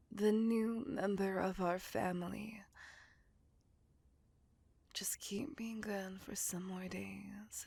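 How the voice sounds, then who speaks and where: A woman plays a centuries-old female vampire in an intimate ASMR roleplay, whispering softly, breathily, and coaxingly in a possessive, doting, teasing way. Her voice is medium-pitched, and there's no echo.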